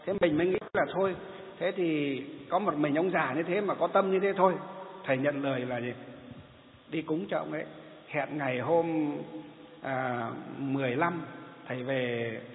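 A male Buddhist monk tells a story in a sermon, animated and fond of repeating himself. His voice sits a little high. It comes through thin and phone-like, ringing in a reverberant hall. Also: normal speed, a little hiss or hum. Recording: tinny phone-like sound in an echoey hall.

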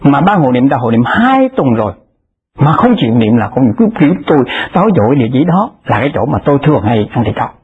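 A man tells stories in a Buddhist dharma talk. His voice is very husky and swoops up and down with animation. It comes through a tinny, phone-like, lo-fi recording. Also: mid-range voice, big pitch swings, quick pace. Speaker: Buddhist lay dharma speaker.

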